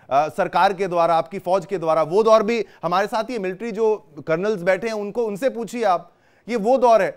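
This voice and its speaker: A male TV news anchor leading a heated live debate, scolding and talking over his guest. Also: sits high.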